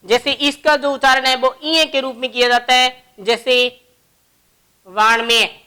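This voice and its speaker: A woman teaching grammar in a high, bright voice. She moves slowly, explaining each example word by word. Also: steady tone, smooth. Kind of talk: classroom grammar lesson.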